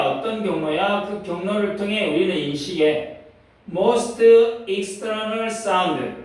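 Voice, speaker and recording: A man teaches an exam reading passage, reading the English slowly and asking quick rhetorical questions as he explains. His voice sits high and he speaks at a slow pace overall. It comes across echoey and from a distance, as if the mic sits across a bare room. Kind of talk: exam passage walkthrough lesson.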